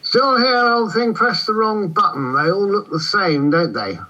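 A man playing a pompous, breezy British army general with a husky voice over a radio link in a comedy. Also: sits high, lively intonation, unhurried, noisy background. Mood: breezy, blasé. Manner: pompous, breezy, clipped, condescending. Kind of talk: comedy radio character acting. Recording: dull radio-like line.

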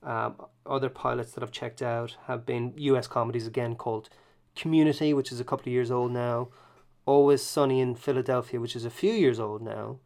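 A man's voice: medium pitch, fairly even intonation, brisk, gravelly, darkish tone. A man co-hosting a podcast, chatting easily about TV shows, chuckling and correcting himself as he goes. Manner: easygoing, chuckling, self-correcting. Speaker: podcast co-host. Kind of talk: casual chat about TV.

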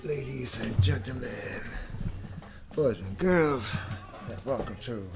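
A man playing a showman ringmaster, greeting an audience in a theatrical, drawn-out announcing manner. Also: mid-range voice, gravelly, music in the background. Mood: grand, welcoming.

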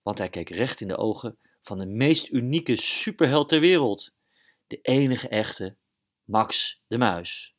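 A man tells a children's story in a lively, animated way. He pauses and repeats words as he goes. His voice is mid-pitched and ordinary.

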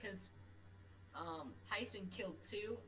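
A woman with a voice of average pitch. She runs a tabletop role-playing game, speaking casually as the game master to her players. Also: takes it slowly, noisy background.

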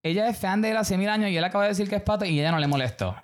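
A young man, a podcast co-host telling a story in casual chat, with animated retellings and English mixed in. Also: sits high, rapid-fire. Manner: animated storytelling, acting out quoted voices, mixing in English.

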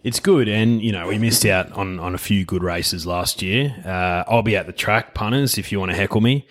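A man with an Australian accent and a low voice. He talks casually as a racing tipster, chatting through his picks with a co-host. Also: normal speed, a bit bright. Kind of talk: casual horse racing tips chat.

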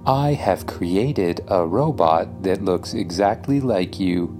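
A man's voice: low-pitched, expressive, takes it slowly, music in the background. A man voicing an eager, matter-of-fact magic spaceship in a children's story, speaking in stiff statements.

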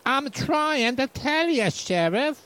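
A man's voice: extremely high pitch, animated, takes it slowly, sharp tone, heavily acted. A man playing an eager, simple Western deputy with a limp. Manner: eager, folksy.

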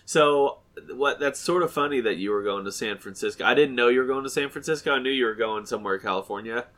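He talks fast at a medium pitch, his somewhat bright voice nasal and congested. A man in his thirties co-hosting a laid-back chat podcast, he rambles and corrects himself as he goes.

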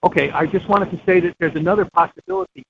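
A man's voice: sits high, big pitch swings, fast, gravelly, slight background noise. A man calling in to a radio show on a cell phone held away from his mouth, so he sounds muffled and distant. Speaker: caller.

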